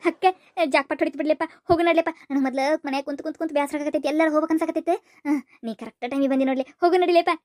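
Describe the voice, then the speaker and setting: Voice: steady tone, darkish tone, close to an everyday voice. A voice actor playing a cheeky, lazy village boy who is always hungry, speaking with a North Karnataka Kannada accent in a cartoon. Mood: excited. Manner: quick, high and squeaky, bickering. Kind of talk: cartoon voice acting.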